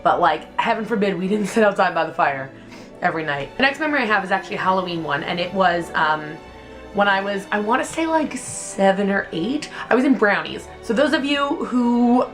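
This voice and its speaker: A woman's voice: mid-range voice, fairly quick, soft background music. A young woman, telling childhood stories in a casual, chatty vlog, filling her speech with "like". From Canada. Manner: chatty, heavy use of "like", animated retelling. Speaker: vlogger.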